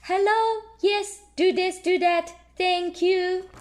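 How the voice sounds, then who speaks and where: A woman voicing an excited, bossy little girl piglet who plays at being grown-up in a children's storybook. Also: very high-pitched, slow, voice pushed up. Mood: self-important. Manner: exclamatory, play-acting importance.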